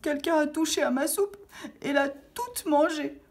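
A woman voicing a tiny, tearful bear cub with a soft, high voice in a storybook reading. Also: a little slow, a little hiss or hum.

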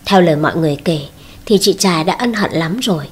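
A woman storyteller reading a family drama aloud in a steady, even, scripted narration. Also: lowish voice, fast talker, slightly rough.

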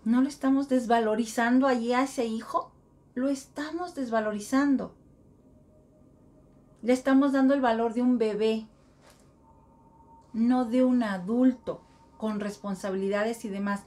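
A middle-aged woman speaks in an earnest, repetitive way, a spiritual talk full of chanted mantras. Her voice sits a little high for a woman. She slips into small voiced-out inner thoughts as she goes. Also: fairly even intonation, unhurried, pauses often, darkish tone. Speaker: spiritual self-help speaker.

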